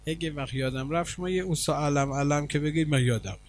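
A man preacher giving a sermon, telling a story with animation, then calmly explaining religious rules as he answers questions. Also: a little high, slight background noise.

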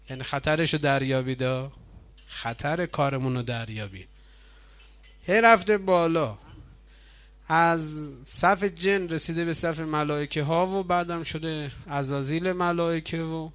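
A man's voice: fairly high pitch, fairly bright tone. A man preaching in a mosque as he leads a Quran session, explaining religious traditions and building up to raised, emphatic points. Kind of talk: sermon.

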